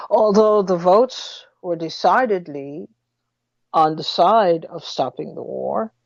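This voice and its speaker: A radio talk show host delivers talk and commentary haltingly and deliberately, with long pauses. Her mouth was injured in a fall and won't open fully, so her low-leaning, darkish voice comes out slightly muffled through barely parted lips. The recording is dull, roomy, and lo-fi.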